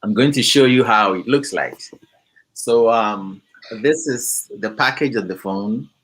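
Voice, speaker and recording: Man from Ghana, founder, slow deliberate speech, bright tone, hesitant. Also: on the low side, husky, rough recording. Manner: measured, hesitant, many fillers. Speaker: company founder. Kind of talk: interview answers, explaining a product.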